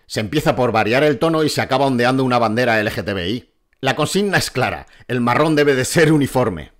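A man's voice: mid-range voice, lively intonation, a little fast. A middle-aged man commenting on a political clip in a sarcastic, mocking way, swearing freely.

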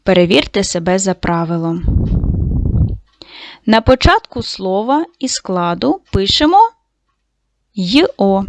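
Woman, primary school teacher, mid pitch, clear careful speech, dry room. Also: sing-song, no echo. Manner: slow, clearly articulated, instructive. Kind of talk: online lesson for young children.

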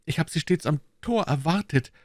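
A man's voice: a little high, expressive, moderate pace, darkish tone, no echo, studio quality, pitched above the performer's own voice, close to an everyday voice. A man doing a fretful, timid shopkeeper. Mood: anxious. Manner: nervous, pleading. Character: timid, fretful middle-aged male shopkeeper.

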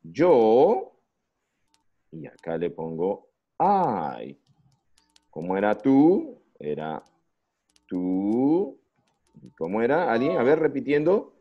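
A man's voice: medium pitch, slow, pauses often, husky. A man with a Peruvian Spanish accent teaching an online English class to young students. He keeps asking questions, coaxes the kids to join in, and jokes around to keep them engaged. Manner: lively, coaxing, playful, asks many questions. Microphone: computer mic on a video call. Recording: slightly dull lo-fi call audio.

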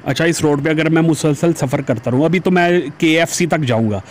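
A Pakistani guy rides his bike through a busy city and talks on his helmet cam with a somewhat higher voice, fairly quick, while traffic noise sounds around him. He keeps up casual, chatty commentary and calls his viewers "janab".

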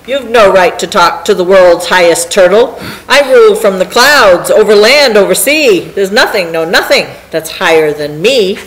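A woman's voice: mid-range voice, expressive, moderate pace, a little hiss or hum, close to an everyday voice, rough recording. A woman voicing a bragging, bossy turtle king in a storybook, pompous and commanding. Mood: scolding, boastful.

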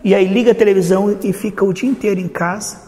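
Pastor, male, high voice, preaching a sermon with acted-out exchanges, long hall reverb. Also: steady tone, fast talker, dark tone.

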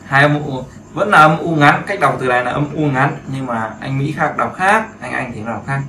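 A man's voice: medium pitch, normal speed, pushed and bright. A man teaching beginners in a casual, chatty way, repeating himself and often checking that his students follow. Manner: chatty, repeats phrases, seeks agreement. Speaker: English teacher. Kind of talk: casual screen-share lesson. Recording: echoey room with faint background noise.

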